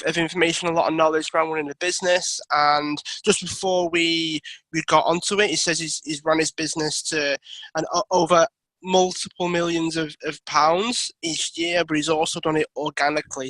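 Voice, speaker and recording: A man's voice: on the high side, a bit bright, no room sound, low-quality recording. A man hosting a podcast interview, introducing his guest and asking questions in a friendly, slightly stumbling way. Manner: friendly, stumbles over words. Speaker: podcast host.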